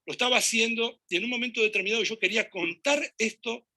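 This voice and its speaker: A man with a Rioplatense accent tells a story to an audience in an animated, lively way. His voice is rather high and very bright. He keeps acting out conversations and gestures as he talks. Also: quick pace. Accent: Rioplatense Spanish. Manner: animated, acts out dialogue and gestures while telling anecdotes. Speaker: speaker giving a talk.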